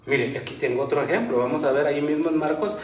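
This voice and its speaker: A man's voice: on the high side, steady tone, fast, darkish tone, slight background noise. A male pastor preaching a sermon with impassioned rises and falls, in a church hall. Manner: impassioned preaching, voice rising and falling. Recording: roomy church sound from a distance.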